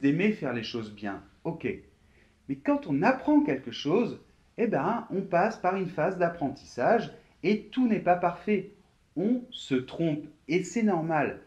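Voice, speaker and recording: A man from France teaching a video lesson, speaking slowly and clearly straight to the viewer. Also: on the high side. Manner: slow, clearly articulated teaching, addressing viewer directly. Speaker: French teacher.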